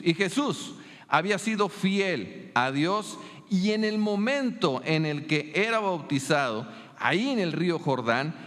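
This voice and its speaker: Slow, earnest Mexican preacher in a reverberant hall. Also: male voice, high voice, a bit bright. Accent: Mexican Spanish. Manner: earnest storytelling preacher, emphatic and deliberate. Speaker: pastor. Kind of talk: sermon.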